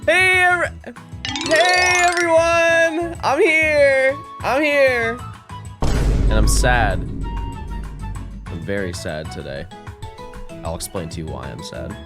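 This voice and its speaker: A male streamer speaks into a headset mic with game music running underneath. His voice jumps all over, from shouted hype down to mock-sad mutters. His throat sounds a little sore. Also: very high-pitched, expressive, very slow, pauses often. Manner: swings between hyped shouting and mock-sad mumbling. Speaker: livestreamer. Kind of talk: casual livestream chat. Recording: game music playing behind.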